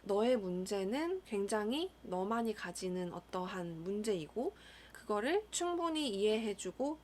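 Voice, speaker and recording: Young woman counselor, mid-pitched, musing gently aloud with a few whispered asides. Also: a little hiss or hum. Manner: calm, thoughtful, measured, with soft whispered asides. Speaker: school counselor. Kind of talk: reflective solo monologue.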